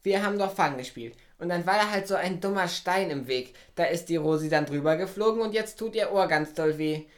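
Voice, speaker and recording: A woman's voice: on the low side, brisk, few pauses, lightly acted. A woman voicing a playful, teasing young kindergarten boy in a children's audio drama. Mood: explaining. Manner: teasing, matter-of-fact.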